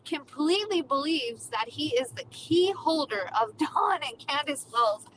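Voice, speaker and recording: A woman with a high, sharp voice talks from inside a car while driving. She is upset and venting in a loose, chatty way as a stream guest. A faint hum of the vehicle sits under her voice. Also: expressive, unhurried, poor audio. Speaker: livestream guest. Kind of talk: casual chat.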